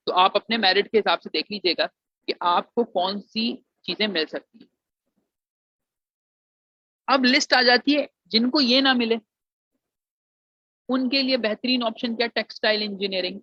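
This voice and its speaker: A man's voice: sits high, no echo. Man, admission advice lecture, English phrases mixed in, lo-fi dull audio. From Pakistan. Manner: mixes English phrases into Urdu, addresses students as "beta". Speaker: engineering alumnus giving admission advice. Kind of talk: informal explanatory lecture. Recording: dry, muffled lo-fi sound.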